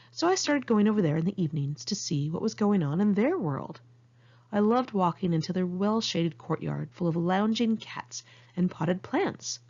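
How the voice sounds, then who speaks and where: This author narrates her memoir in a lowish, darkish voice, sounding candid and chatty, as if recording an amateur audiobook in a single take. The audio is muffled and lo-fi.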